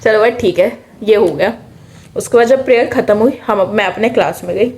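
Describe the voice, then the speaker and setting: A woman's voice: mid-range voice, brisk. A young woman with an Indian accent telling a personal story in a casual, chatty way. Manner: chatty, animated, mixes English words into speech. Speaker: vlogger.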